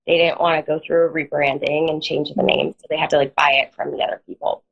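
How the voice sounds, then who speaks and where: A woman's voice: low-pitched, flat delivery, quick pace, vocal fry, slightly rough, lo-fi sound. Woman lawyer with a cold. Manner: plain explanatory, uses hedging fillers. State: has a cold, clearing her throat. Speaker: lawyer, guest. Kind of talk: live interview, explaining legal steps. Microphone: online video stream.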